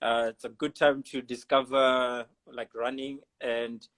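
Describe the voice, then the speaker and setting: A man hosting a casual live video chat, relaxed and chatty, laughing often. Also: medium pitch, measured pace, low-quality recording. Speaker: host. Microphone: video call.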